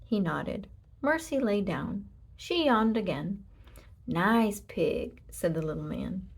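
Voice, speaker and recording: Narrating a children's storybook, a storybook reader with a medium-pitched, slightly rough voice and some vocal fry delivers the text deliberately and expressively, putting emphasis on short sentences.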